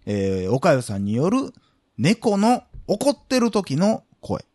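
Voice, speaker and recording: A man's voice: on the high side, wildly swooping pitch, takes it slowly, a little mellow. A man with a Kansai accent co-hosting a podcast, teasing his partner in casual comedic banter. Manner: teasing, playful, mock-announcing. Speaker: podcast co-host.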